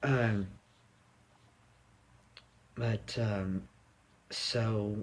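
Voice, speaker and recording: A man's voice: on the low side, fairly even intonation, very slow. A young man from the United States giving a rambling, blunt opinion monologue, full of fillers and restarts. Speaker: vlogger.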